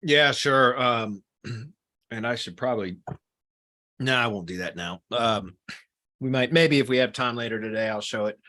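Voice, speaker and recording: A man's voice: mid-range voice, pushed and bright. A man hosting an online marketing show, talking candidly and casually with a joking edge. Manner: candid, joking, mildly profane. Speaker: host. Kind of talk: casual webinar chat.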